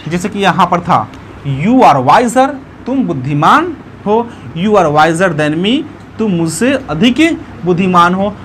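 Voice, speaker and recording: A man teaching an English grammar lesson, explaining step by step and repeating words slowly, syllable by syllable. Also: high voice, lively intonation, fairly bright tone, a little hiss or hum.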